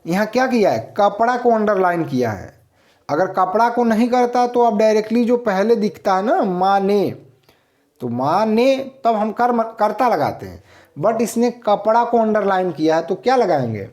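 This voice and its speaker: A man's voice: high voice, animated, normal speed, darkish tone. A man teaching a grammar lesson for exam students, explaining step by step and asking and answering his own questions.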